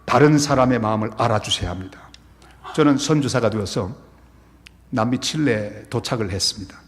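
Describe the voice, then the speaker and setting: A man's voice: mid-range voice, fairly quick, slight background noise. A middle-aged man preaching a revival sermon as pastor, telling stories and acting out scenes and quotes as he goes. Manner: animated, acts out scenes and quotes. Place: church sanctuary. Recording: long church-hall reverb.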